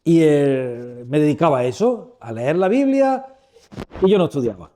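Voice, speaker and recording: Preaching to a live audience at a church workshop, a man in his fifties from Andalusia in southern Spain speaks at normal speed into a handheld or stand microphone. His informal sermon is relaxed, chatty and humorous, and he keeps asking his listeners questions. The voice sits fairly high but sounds warm and mellow.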